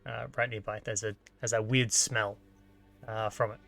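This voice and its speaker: An Australian man narrating a tabletop game as game master, casual and halting as he improvises. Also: fairly low pitch, little pitch movement, vocal fry, bright, forceful tone, faint music behind.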